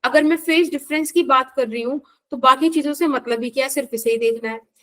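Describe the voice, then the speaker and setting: A woman's voice: high voice, brisk, fairly bright tone. An Indian woman teaching a physics class, explaining patiently and checking in with students by name. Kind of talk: live online class.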